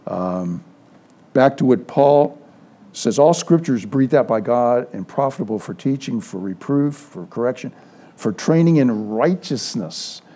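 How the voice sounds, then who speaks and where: An older man teaches a church Sunday school class in an informal sermon, telling anecdotes as a lively storyteller and acting out the quoted dialogue. His voice is medium-pitched, at a measured pace.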